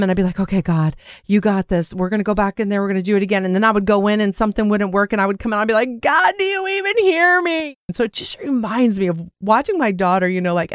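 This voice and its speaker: A woman's voice: mid-range voice, clean tone, no echo. Earnest rambling woman podcaster, dry close sound. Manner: earnest, rambling, repeats words when stressed. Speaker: podcast host. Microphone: home recording mic.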